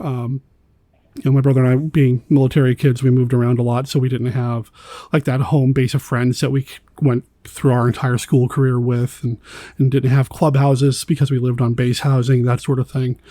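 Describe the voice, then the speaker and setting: A man's voice: medium pitch, fairly even intonation, normal speed, mellow, no room sound. A man hosting a podcast, chatting enthusiastically about a film, rambling a little with restarts. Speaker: podcast host. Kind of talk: casual film discussion.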